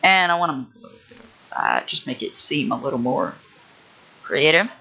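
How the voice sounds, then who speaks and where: A man's voice: mid-range voice, sing-song, moderate pace, creaky, bright, forceful tone, lo-fi sound. A young man livestreaming as he builds a game level, rambling casually with lots of fillers and restarts. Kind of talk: casual thinking-aloud livestream.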